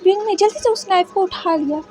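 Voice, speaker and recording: A woman's voice: very high voice, a little fast, darkish tone, slight background noise, poor audio. A woman narrating a fan fiction story in a dramatic retelling. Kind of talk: fanfiction narration.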